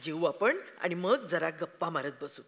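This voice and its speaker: A woman's voice: sits low, lively intonation. A woman acting an anxious, devoted mother of a troubled son in a live stage reading, speaking in a coaxing, emotional way. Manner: coaxing, emotional, slow and deliberate. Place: festival auditorium stage. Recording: long hall reverb.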